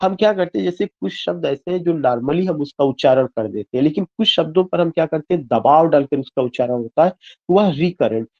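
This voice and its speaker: A man's voice: fairly high pitch, expressive, brisk, dull audio. Teacher quizzing his online class. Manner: mixes Hindi and English, spells words out letter by letter; asks the class questions and answers them himself.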